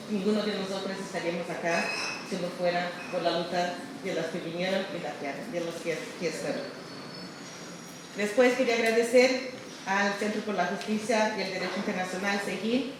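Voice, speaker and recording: A woman with a Brazilian accent, a native Portuguese speaker, gives a halting acceptance speech in Spanish mixed with Portuguese, correcting herself as she goes. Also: medium pitch, fairly even intonation. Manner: halting, with hesitations and self-corrections. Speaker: award recipient. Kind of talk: acceptance speech, semi-improvised. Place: large echoey room at a ceremony. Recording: distant, very echoey hall, background noise.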